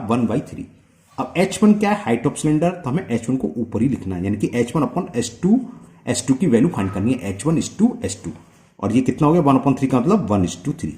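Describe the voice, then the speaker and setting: Lively, mellow-voiced male maths tutor. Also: mid-range voice. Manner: slow, step-by-step, asking the viewer questions. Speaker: maths teacher. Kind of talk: explaining a multiple-choice solution.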